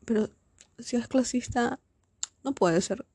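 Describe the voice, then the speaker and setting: A woman's voice: on the high side, dark tone, breathy edge, dry recording, studio quality. Sarcastic young woman, rambling. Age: young adult. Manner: sarcastic, rambling, quick asides. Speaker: podcast host. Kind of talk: casual solo podcast rant.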